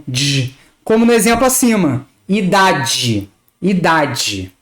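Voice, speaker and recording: A woman with a Rio de Janeiro accent teaching pronunciation, saying letters and example words one at a time with small laughs. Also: medium pitch. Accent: Rio de Janeiro Portuguese. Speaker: language teacher. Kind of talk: slow, careful pronunciation lesson.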